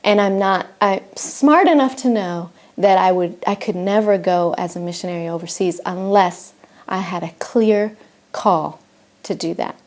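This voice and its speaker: This missionary, a middle-aged Argentine woman and native Spanish speaker, recounts her journey of faith in a sincere, reflective testimony, occasionally starting over. She has a lowish, darkish voice and doesn't hurry.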